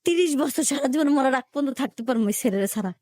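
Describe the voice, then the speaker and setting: With a high yet dark-toned voice, a woman speaks fast and animatedly, emotionally relating her life story. Her accent is colloquial Dhaka-area Bangladeshi Bengali, and she performs quoted conversations in dialect. There's no room sound.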